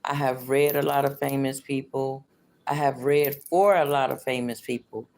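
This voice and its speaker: A woman's voice: very deep voice, steady tone, moderate pace, a little mellow. A middle-aged or older woman with toothless, slightly slushy articulation, chatting casually as she reads tarot on a livestream and repeating her phrases. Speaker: tarot card reader.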